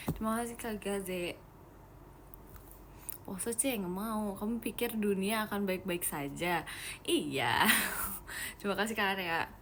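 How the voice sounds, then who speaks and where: A young woman idol hosting a casual live stream, chatting quickly and giggling as she reads viewer comments and drops in English phrases. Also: medium pitch, fairly bright tone, slight background noise. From Indonesia. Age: young adult.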